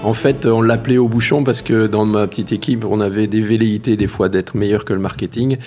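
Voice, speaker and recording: A man's voice: on the low side, steady tone, brisk, over music. Hesitant French-speaking man explaining. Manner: hesitant, many fillers, explains carefully. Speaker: cheesemaker interviewed about his cheese. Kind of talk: casual spoken interview.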